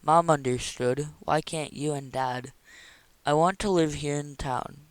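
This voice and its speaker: A man's voice: a little high, steady tone, measured pace, no echo, close to an everyday voice. A man reading aloud voices a determined, earnest young woman insisting on her plans.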